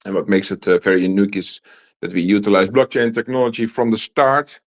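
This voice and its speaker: Dutch-accented man hosting, low voice. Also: steady tone, a little fast. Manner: hesitant, many filler ums. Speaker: host. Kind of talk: live online panel talk.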